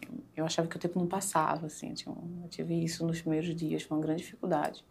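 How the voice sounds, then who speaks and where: A woman's voice: sits low, little pitch movement, fast talker, vocal fry, darkish tone, husky. A woman speaking as a podcast guest, telling an emotional spiritual story in casual conversation, with many fillers.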